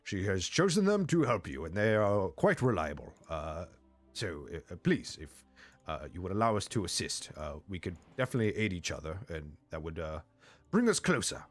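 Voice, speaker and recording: Polite mushroom guy in a tabletop game, stammers a lot, kinda low voice, a man doing it. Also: big pitch swings. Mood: courteous. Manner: halting, courteous, stammering. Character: polite mushroom-folk male envoy.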